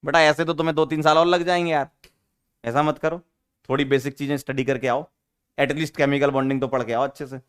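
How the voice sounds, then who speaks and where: A man teaching an online chemistry lesson, teasing his students and repeating key rules slowly for emphasis. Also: medium pitch, steady tone, smooth. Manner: teasing, addresses students as beta.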